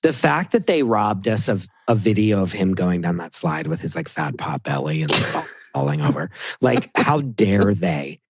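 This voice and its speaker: A man's voice: low-pitched, sing-song, normal speed, few pauses, husky. A man, a podcast co-host and TV producer, chatting as a guest in a rambling, gossipy way, filling his talk with "like" and acting out other people's voices. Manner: rambling, heavy use of "like", acts out others' voices. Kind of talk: casual gossipy chat.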